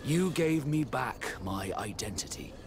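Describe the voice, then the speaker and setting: Captain Vasco, expressive earnest naval captain. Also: male voice, mid-range voice, measured pace, noisy background. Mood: moved, reflective. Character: naval captain, Vasco, earnest man seeking his origins. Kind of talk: video game cutscene acting.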